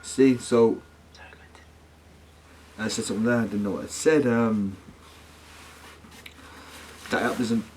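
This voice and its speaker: A man's voice: lowish voice, fairly even intonation, takes it slowly, long pauses, a little mellow, a little hiss or hum. A man talking casually to his viewers as a paranormal vlogger, rambling and slangy, often correcting himself. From United Kingdom.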